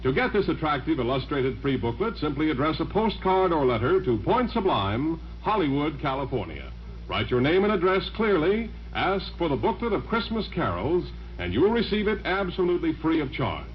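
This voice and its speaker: A man's voice: on the high side, very animated, moderate pace, a little hiss or hum. A man reading a sponsor message and sign-off as a radio announcer, in a polished, persuasive way, heard from an old broadcast transcription disc. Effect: old broadcast transcription disc sound. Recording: muffled 1940s radio transcription, faint music.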